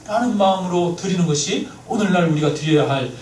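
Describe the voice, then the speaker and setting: High-voiced man preaching in an echoey church. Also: fairly quick. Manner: lively, asks the congregation questions. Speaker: pastor. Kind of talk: sermon. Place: church sanctuary. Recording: roomy, mic at a distance, faint noise.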